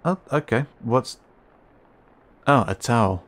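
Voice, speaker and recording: In an audio roleplay, a man voices a cheeky, skittish young raccoon boy who mutters and grumbles through halting, sarcastic protests. His voice is medium-pitched and a bit bright, with lively intonation.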